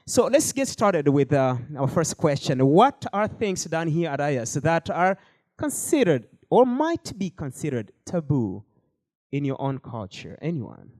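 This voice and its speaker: A man's voice: fairly high pitch, very animated, unhurried, darkish tone, no room sound. A man hosting a panel discussion, speaking with frequent hesitations and fillers. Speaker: host.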